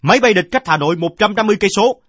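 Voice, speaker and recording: A man voicing a stern wartime air-raid announcer on a city loudspeaker in an audiobook story. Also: high-pitched, expressive, very fast, breathy edge, no room sound, voice pushed up, full character voice. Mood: urgent. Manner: loud, declaiming public announcement.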